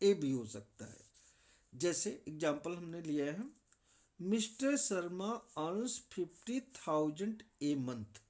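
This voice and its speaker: A man with a Hindi accent explaining English grammar in a classroom lecture style, repeating key points. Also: high voice. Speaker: English teacher.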